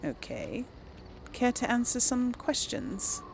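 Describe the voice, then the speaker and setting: This woman, a gaming video host playing through a game, reads out dialogue choices and muses chattily in casual let's play commentary. Her voice is fairly high and very animated yet slow, with vocal fry and slight background noise.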